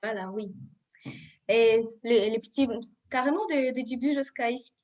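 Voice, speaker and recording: Soft-spoken woman with a Russian accent. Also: a little high, moderate pace. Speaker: guest, Ayurveda therapist. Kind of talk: online interview.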